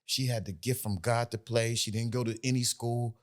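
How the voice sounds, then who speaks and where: With a steady tone and mid-range voice at a moderate pace, an American man in his forties talks about himself as a guest in a casual interview. He's a singer, and his telling is loose and wandering, packed with fillers and restarts.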